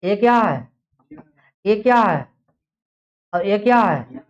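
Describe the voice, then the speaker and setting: A woman teacher leads a grammar class. She keeps asking questions and answering them herself in a lower, softer voice, at a middle pitch. The sound is slightly muffled and lo-fi. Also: expressive, slow. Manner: asks questions and answers them herself, drops low and soft on the answers.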